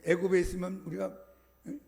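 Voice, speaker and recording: Frightened, grumbling Israelites, as a man preaching puts them on, whine and complain in a high, gravelly voice. It is a retold scene inside a sermon. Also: monotone, fairly quick, darkish tone, long reverb tail. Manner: whining, complaining.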